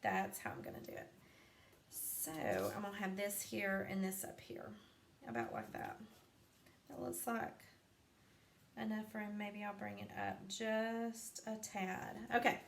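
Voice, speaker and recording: In an echoey room with faint background hiss, a drowsy, yawning craft vlogger demonstrates her project live, unhurried, rambling, full of ums and asides. Her voice is medium-pitched and gravelly.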